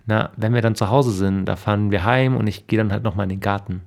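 A man's voice: fairly low pitch, fairly even intonation, quick pace, gravelly. A man voicing a fussy, grumbling older husband who keeps fretting about his garden pool in a storybook reading. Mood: fussing.

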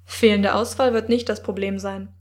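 A woman reading an audiobook, voicing a young man who teases his girlfriend gently. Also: mid-range voice, little pitch movement, normal speed, lightly acted. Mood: amused. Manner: easygoing, lightly teasing. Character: amused young man, the shopper's boyfriend.

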